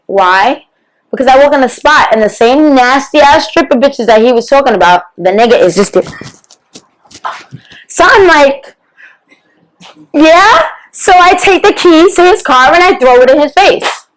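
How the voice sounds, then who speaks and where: A woman's voice: high-pitched, poor audio. Woman telling a profane, heated story. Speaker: guest podcast co-host. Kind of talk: animated storytelling, casual podcast chat.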